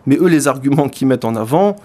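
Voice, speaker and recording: A man's voice: medium pitch, animated, quick pace, a little mellow. A man giving a radio book review in speech, hesitant, full of fillers and repeated words. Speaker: radio columnist.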